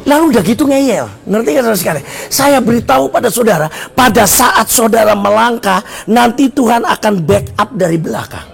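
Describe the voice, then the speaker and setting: A man preaching a joking, animated sermon as pastor at a church service, shouting at times. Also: sits high, brisk, vocal fry, few pauses, slightly rough. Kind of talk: lively sermon.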